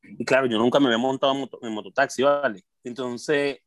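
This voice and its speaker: A man with a Venezuelan accent telling funny stories in a casual podcast chat, animated, laughing often and making sound effects. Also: medium pitch, quick pace, no room sound, studio quality. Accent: Venezuelan Spanish. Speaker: podcast co-host.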